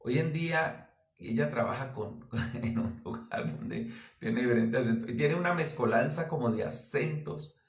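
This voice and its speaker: A man preaching a sermon as pastor, earnest and exhorting, with lively anecdotes. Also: medium pitch, normal speed, roomy sound. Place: church.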